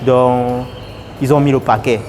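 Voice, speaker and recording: A young man giving an earnest, casual testimonial at an airport, repeating his phrases and getting animated. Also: mid-range voice, unhurried, noisy background. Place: airport, indoors.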